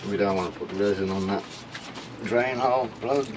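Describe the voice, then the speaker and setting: A man's voice: lowish voice, moderate pace, background noise. A middle-aged Australian man plainly explaining a boat repair as he works, bent over a floor hatch in a small boat cabin. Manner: plain, practical explaining while working. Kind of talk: hands-on work demonstration.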